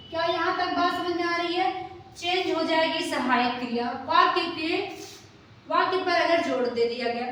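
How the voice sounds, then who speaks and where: A woman English teacher explaining grammar slowly, repeating key words and checking that students understand. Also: very high voice, fairly bright tone. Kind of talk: classroom grammar lesson. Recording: echoey room, distant mic, faint noise.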